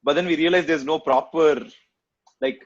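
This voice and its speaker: Young guy w tamil accent, higher voice, chatting fast on a podcast, bit lo-fi. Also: fairly even intonation. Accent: Tamil-accented Indian English. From Chennai, India. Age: 20s. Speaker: podcast host. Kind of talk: casual podcast chat.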